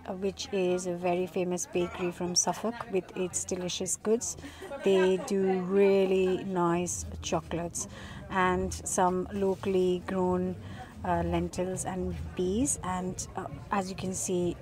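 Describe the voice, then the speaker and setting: A middle-aged woman food vlogger narrating casually and unscripted, with frequent ums and pauses. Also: lowish voice, darkish tone. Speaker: food vlogger and cookbook author. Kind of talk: casual vlog voice-over narration. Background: music behind the voice.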